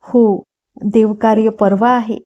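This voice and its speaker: A polite, cheerful young woman on a visit, voiced by a woman storyteller in a slightly high, slow voice. The sound is mellow and a little dull. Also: flat delivery. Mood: friendly. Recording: dull lo-fi recording.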